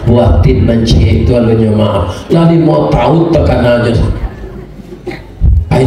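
Animated Minangkabau preacher in an echoey hall. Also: male voice, noisy background. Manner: animated, acts out characters, shifts pitch often. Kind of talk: sermon storytelling. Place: large hall or school assembly. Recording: echoey hall, distant mic.

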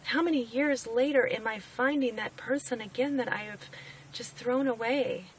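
Woman, forties, somewhat high voice, earnest vlog in a car, slightly off-mic with street noise behind. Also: normal speed, far from the mic. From Oregon, United States. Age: 40s. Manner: earnest, heartfelt, repeats phrases for emphasis. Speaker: weight-loss vlogger. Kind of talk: emotional personal vlog. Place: parked car. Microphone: camera on the dashboard.

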